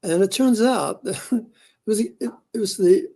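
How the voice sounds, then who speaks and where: Mellow-voiced older man telling his story. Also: high-pitched, creaky. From born in the Netherlands, raised in New Zealand. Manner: reflective, unhurried, with frequent pauses and fillers. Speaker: guest scholar. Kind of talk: interview, personal storytelling.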